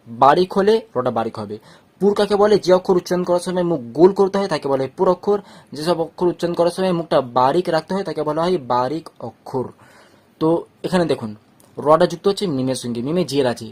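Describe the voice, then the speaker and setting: A man teaching Quran reading rules step by step, asking and answering his own questions and slowly sounding out letters. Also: fairly high pitch, darkish tone. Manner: repeats phrases and checks understanding often. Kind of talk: step-by-step tajweed lesson.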